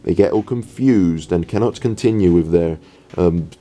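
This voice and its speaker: A man's voice: deep voice, normal speed, mellow. A British man narrating a casual comic recap in a dry, sweary, colloquial way.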